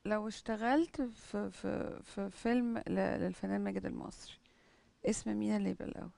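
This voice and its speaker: A woman's voice: medium pitch, steady tone, a little fast, vocal fry, mellow, dry recording. A woman with an Egyptian accent hosting a TV talk show, asking pointed, probing questions in a studio. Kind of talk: confrontational interview questioning. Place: TV studio with audience.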